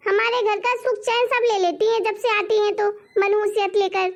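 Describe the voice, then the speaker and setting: A woman voicing a defiant young wife who scolds her husband loudly and rudely, scorning her mother-in-law, in a cartoon story. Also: very high-pitched, flat delivery, moderate pace. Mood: scornful. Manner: loud, scolding, rude. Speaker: daughter-in-law.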